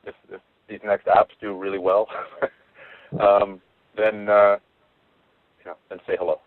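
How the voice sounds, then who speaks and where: A man's voice: on the low side, level tone, a little slow, no room sound. A man being interviewed as a guest, talking frankly and casually about his sport. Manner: frank, easygoing, loose phrasing. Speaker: interview guest, martial arts instructor. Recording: dry phone-line audio.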